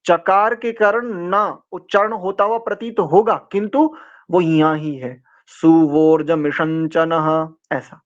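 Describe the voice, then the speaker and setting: A man leads a scripture class in a fairly high voice, spelling out each syllable of a mantra and then chanting it in long, drawn-out tones. He speaks slowly and patiently between the chants. The recording sounds dull and lo-fi. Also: fairly bright tone. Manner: carefully corrects pronunciation syllable by syllable. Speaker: Vedic teacher.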